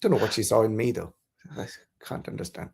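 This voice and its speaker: A man from south India, a native Malayalam speaker, chats casually as a podcast guest, thoughtful and hesitant with many restarts. His voice is fairly low and creaky, a little mellow with a breathy edge, and he talks fairly quickly.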